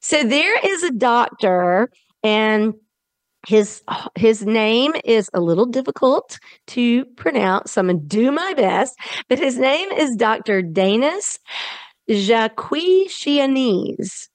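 A woman's voice: fairly high pitch, sing-song, takes it slowly, no room sound. A woman with a Southern accent hosting a self-help podcast, earnest and encouraging, with chatty asides to her listeners. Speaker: host.

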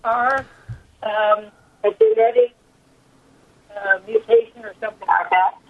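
Woman caller, hollow echoing speakerphone like a tunnel, high lively voice, gravelly edge, hesitant. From Utah. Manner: hesitant, halting with fillers. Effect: hollow speakerphone sound, like in a tunnel. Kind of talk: call-in question to a radio health show.

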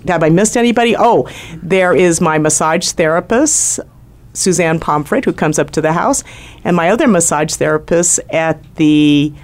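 A middle-aged woman hosting a radio talk show, chatting casually with personal shout-outs. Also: deep voice. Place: radio studio.

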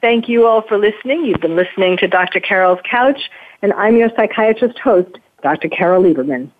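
A woman's voice: medium pitch, fairly quick, slight background noise. Woman host on a tinny phone line. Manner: hesitant, restarts a lot. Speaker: psychiatrist radio host. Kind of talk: interview chat.

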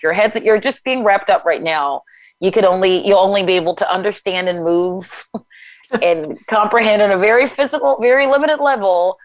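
A woman's voice: on the low side, no echo, low-quality recording. A woman reading her own first-person memoir aloud, then talking it over in chatty conversation full of fillers. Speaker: author and guest.

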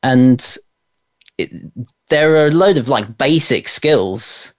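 A performance coach and performer from London, England, speaks with a Received Pronunciation accent as an interview guest in his home office, giving conversational, anecdotal answers. His mid-range voice has lively intonation and he takes it slowly. The recording is dry and studio quality.

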